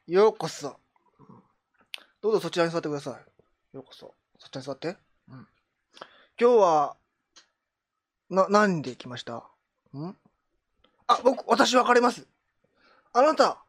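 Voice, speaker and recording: A woman playing a solemn, trustworthy fortune teller in comedic improvised role-play, talking slowly in a low, hushed voice. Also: very animated, breathy edge, heavily acted. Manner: slow, low, hushed delivery.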